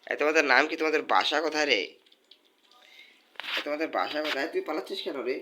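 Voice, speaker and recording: A man's voice: a little high, fast talker, noisy background. A man, filming at home at night and coaxing cats with repeated sing-song calls. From Bangladesh. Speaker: vlogger feeding cats. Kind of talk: casual home video. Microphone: phone camera.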